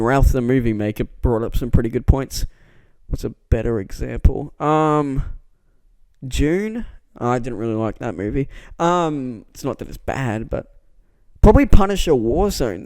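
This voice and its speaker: A man's voice: fairly high pitch, a little mellow, dry recording. A man talking in a rambling, self-deprecating vlog monologue, often stammering and restarting words, recorded on a close microphone that pops on plosives. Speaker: vlogger. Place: indoor room. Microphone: close mic with plosive pops.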